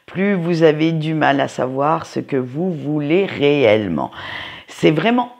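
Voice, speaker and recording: A tarot card reader with a noticeable accent gives a casual weekly forecast from home by a window, in an unhurried, sing-song manner. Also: medium pitch, gravelly. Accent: non-standard French accent, kind not stated. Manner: unhurried, sing-song, frequent "hein" tags. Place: home, by a window facing a tree.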